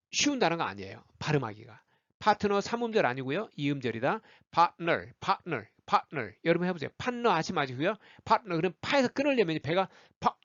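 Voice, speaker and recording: A man teaching English pronunciation, slowly drilling word lists and coaching listeners to repeat after him. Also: high voice, dry recording. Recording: dry, dull lo-fi sound.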